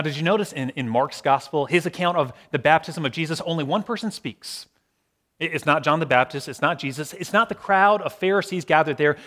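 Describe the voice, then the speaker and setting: A male pastor delivering a sermon with a slightly higher voice than most men. He talks reflectively, leaning into slow dramatic pauses and letting phrases fade to near a whisper. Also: fairly bright tone.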